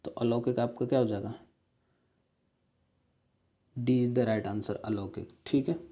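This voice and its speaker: Male tutor, mellow tone, walks through answers one by one, often checking in with the viewer. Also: mid-range voice, steady tone, slow. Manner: explains step by step, repeating words and "ठीक है"; asks rhetorical questions to viewers. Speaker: teacher. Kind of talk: exam-prep spelling lesson.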